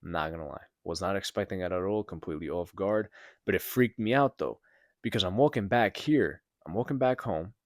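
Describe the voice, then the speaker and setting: Young male podcast host, deep voice, dry room, loose rambling storyteller who swears, gets loud when shocked. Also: fairly quick, dry recording. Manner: rambling, heavy filler words and profanity. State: recovering from sickness. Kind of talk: casual solo storytelling. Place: apartment building room.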